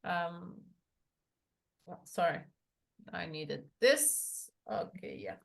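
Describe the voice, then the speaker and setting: A woman's voice: fairly low pitch, expressive, drawn-out words, vocal fry. A woman teaching a one-to-one lesson over a video call, explaining patiently with many fillers and restarts. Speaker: French tutor.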